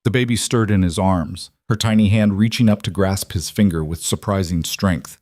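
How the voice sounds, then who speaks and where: Low-voiced man narrating a story. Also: normal speed, a little mellow, no room sound, clean studio sound. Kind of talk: scripted audiobook narration.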